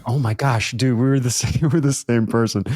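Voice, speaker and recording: A man's voice: medium pitch, steady tone, a little fast, darkish tone, no echo. Rambling man in his thirties, dry close mic. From Brazilian family background. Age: 30s. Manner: rambling, repeats words, frequent fillers. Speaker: podcast host. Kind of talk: casual conversational interview.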